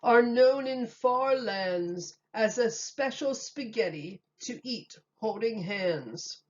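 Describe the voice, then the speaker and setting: A storybook wise man, acted by a woman, who explains things grandly and emphatically. The delivery is slow and deliberate, with a slightly muffled sound. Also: on the high side, lively intonation, darkish tone. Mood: knowing, emphatic.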